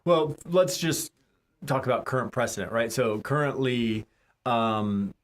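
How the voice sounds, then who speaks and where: A man from California, a doctor co-hosting a live medical talk show, joking in quick asides between explanations. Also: medium pitch, slight background noise. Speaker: doctor co-host.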